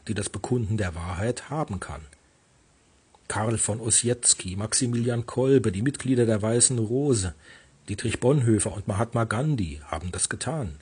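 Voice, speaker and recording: A man, a pastor, giving a measured, earnest devotional reflection on a Bible text. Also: on the low side, darkish tone, slightly rough.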